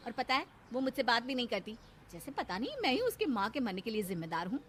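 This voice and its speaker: A woman's voice: a little high, very animated, fast. A woman voicing a bitter middle-aged stepmother who taunts and complains in a cartoon story. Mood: complaining.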